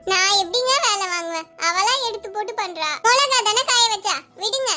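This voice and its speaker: A woman voicing a sharp-tongued middle-aged village wife in a cartoon, speaking in a bickering, retorting way. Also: very high voice, brisk.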